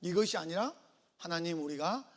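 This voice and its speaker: A man's voice: a little high, animated, normal speed, a bit bright, in a large hall. A man preaching a sermon as pastor, acting out little dialogues and calling for the congregation's response. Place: church sanctuary.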